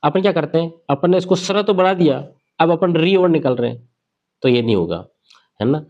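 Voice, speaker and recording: A man teaching a grammar lesson at a board. He asks questions and answers them himself, and he repeats key words slowly. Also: on the high side, animated, darkish tone, muffled recording.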